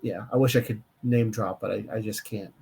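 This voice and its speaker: A man's voice: fairly low pitch, steady tone, fairly quick, creaky, a little mellow, breathy edge. A man co-hosting a live-streamed data podcast, tired and yawning, talking in a rambling way with many fillers and restarts. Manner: rambling, self-correcting, lots of fillers. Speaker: podcast co-host, data engineer. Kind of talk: casual live-stream chat.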